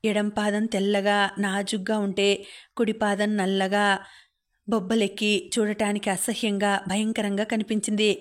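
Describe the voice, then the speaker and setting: A woman reading a novel aloud as an audiobook narrator, in a calm, even storytelling manner. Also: medium pitch, normal speed. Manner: calm, even storytelling, quoting characters without acting them.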